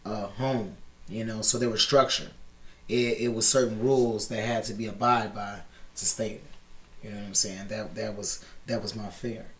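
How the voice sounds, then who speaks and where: A man in his thirties from Chicago, a podcast guest talking candidly in a relaxed interview. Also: medium pitch, roomy sound. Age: 30s. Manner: candid and animated, often says "you know what I'm saying". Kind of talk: casual interview talk.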